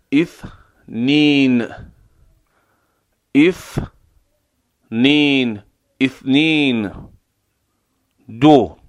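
A man teaching pronunciation as a language lesson, saying single words slowly and repeating them, with quicker explanations in between. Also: medium pitch. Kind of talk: slow pronunciation drill.

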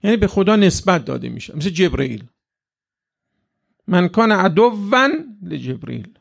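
Gravelly-voiced man giving a religious lecture. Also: sits high, sing-song. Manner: rhetorical questions, conversational. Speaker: cleric.

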